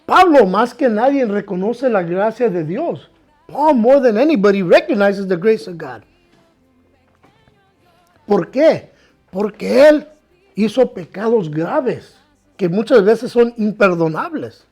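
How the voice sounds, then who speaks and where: A man preaching a bilingual sermon. He says each line in Spanish, then repeats it in English, and slows down to read scripture aloud. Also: high-pitched, expressive, a little mellow, faint music behind. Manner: reads scripture aloud, slowing for emphasis. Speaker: pastor.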